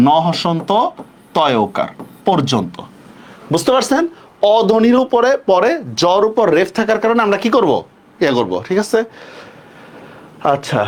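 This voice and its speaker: A man's voice: high voice, slight background noise. A man teaching a live online class, repeating questions and checking often that students follow.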